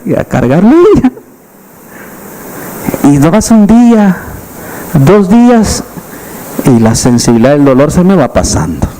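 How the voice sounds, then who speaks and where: A pastor delivers an emphatic evangelistic sermon and keeps putting questions to his listeners. His voice sits high for a man. The sound carries a long reverb, as in a large hall. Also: wildly swooping pitch, unhurried, pauses often, dark tone, a little hiss or hum. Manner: emphatic preaching with rhetorical questions to the congregation.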